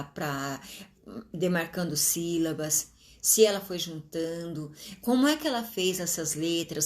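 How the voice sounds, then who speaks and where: A Brazilian woman speaks in a mid-range voice, coaching other teachers in a relaxed, chatty way. Her delivery is lively, with frequent little check-ins to her listeners and the odd word stretched out slowly to make a point. It sounds like a casual home recording on a phone or webcam. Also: medium pitch. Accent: Brazilian Portuguese. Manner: animated, many tag questions like "tá?", stretches words slowly for emphasis. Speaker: teacher trainer. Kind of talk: informal teaching talk.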